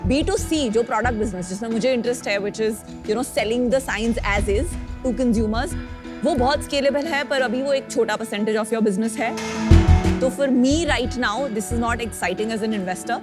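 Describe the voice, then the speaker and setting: A woman investor explaining her decision in a measured way and reasoning aloud. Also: on the high side, music in the background. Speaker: investor judge on a business show. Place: TV studio set.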